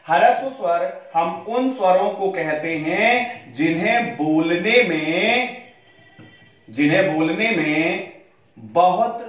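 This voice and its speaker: Echoey, distant man teaching a slow lesson. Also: high-pitched, fairly bright tone, muffled recording. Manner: asks questions and answers them himself; repeats phrases slowly for emphasis. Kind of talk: classroom lesson.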